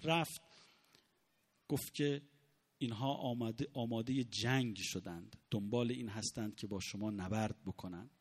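Husky male preacher telling a mournful story. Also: on the low side. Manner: emotive, voice rising in moving moments.

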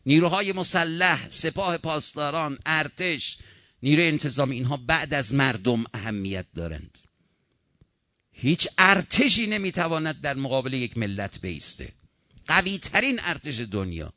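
A male preacher delivers a sermon with mounting passion, climbing into ringing appeals and dropping low for solemn passages. His tone is bright and forceful. The sound is dry and close, with no room echo. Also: very animated. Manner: impassioned, rising and falling in pitch.

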